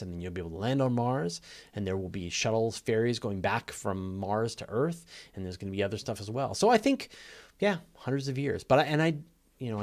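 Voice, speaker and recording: The host of a live astronomy question-and-answer show speaks with a somewhat low, slightly mellow voice. His unscripted explanations are chatty and emphatic, hammering points home by repeating them and comparing them to everyday things.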